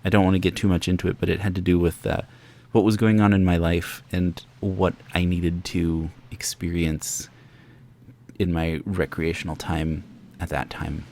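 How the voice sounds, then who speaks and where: A man's voice: sits low, level tone, moderate pace, warm tone, a little hiss or hum. A man giving casual gameplay commentary as the host of a let's play. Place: indoors, game music behind the voice.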